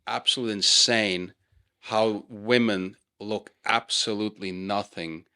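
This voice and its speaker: A man from Serbia, co-hosting a casual podcast chat in an animated, emphatic way, often repeating words when worked up. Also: fairly low pitch, a little slow, clean tone. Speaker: podcast co-host.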